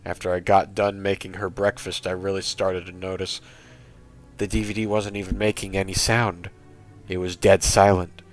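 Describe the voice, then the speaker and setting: A man narrating a horror story in a flat reading voice, dropping in sarcastic asides. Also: low-pitched, normal speed. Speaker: creepypasta narrator. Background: faint background music.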